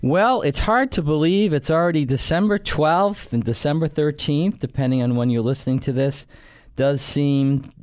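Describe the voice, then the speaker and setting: His voice sits a little high, with a darkish tone and normal speed, captured echo-free on a studio microphone. He's a middle-aged radio host and company head, rambling through casual chat and interviews with many fillers and false starts.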